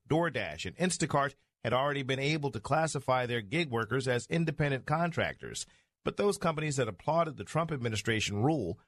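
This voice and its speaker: A man's voice: medium pitch, a bit bright, dry recording. A man delivering a scripted news report as a radio correspondent.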